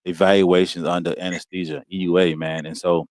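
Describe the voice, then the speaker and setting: A very deep-voiced American man speaks as a podcast guest, recorded in a close, dry sound. His delivery is casual and heartfelt, full of "man" and "you know what I'm saying." His pitch climbs sharply when he relives emotional moments. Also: flat delivery, a little fast, a little mellow, dry recording. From United States. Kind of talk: casual personal storytelling.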